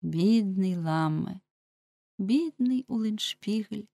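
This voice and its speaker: A woman doing a pious young tavern maid, high and earnest. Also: animated, normal speed, a little mellow, no echo, lightly acted.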